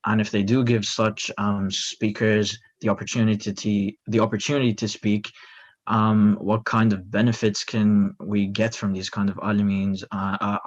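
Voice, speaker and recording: A man's voice: on the low side, level tone, moderate pace. A man moderating a session, reading audience questions aloud in a hesitant way with many fillers. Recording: dull lo-fi audio.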